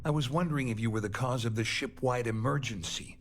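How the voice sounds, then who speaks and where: A man's voice: medium pitch, a little fast, a little hiss or hum, lightly acted. An actor playing a blunt, suspicious, self-serving male passenger on a starship in a video game.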